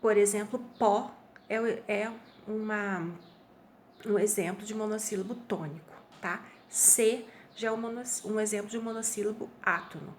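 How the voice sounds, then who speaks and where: A woman's voice: mid-range voice, steady tone, moderate pace, a little hiss or hum. A Brazilian woman teaching a Portuguese grammar review class, explaining patiently and checking in with her students often.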